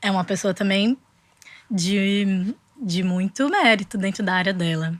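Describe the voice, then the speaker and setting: Here a guest artist, a young woman from Brazil with a Bahian accent, muses during a relaxed interview, frequently starting over and filling pauses. Her mid-range voice moves a little slowly, recorded with no room sound.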